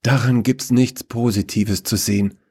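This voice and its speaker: A man's voice: mid-range voice, fairly even intonation, measured pace, a little mellow, slightly rough, voice pushed up. A man voicing Good, an earnest and unruffled male figure.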